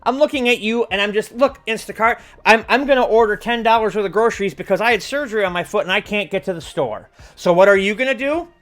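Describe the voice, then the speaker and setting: Man, forties, high voice, livestream host, impassioned monologue, blunt sweary rant, emphatic delivery, soft music behind. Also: fast, hardly any pauses. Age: 40s. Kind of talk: impassioned monologue to an online audience.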